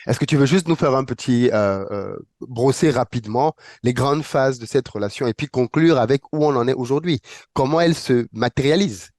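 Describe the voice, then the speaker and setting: A man's voice: mid-range voice, moderate pace, a little mellow, dry recording. Host, male, welcoming and hesitant, lots of fillers, dry close sound. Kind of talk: interview hosting. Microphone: online call.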